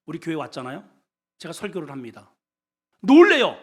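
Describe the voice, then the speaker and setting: A male senior pastor preaching a sermon, asking the congregation questions, with sudden loud bursts and quiet low asides. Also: big pitch swings, normal speed. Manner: shouts often in his preaching; asks the congregation questions and has them repeat words.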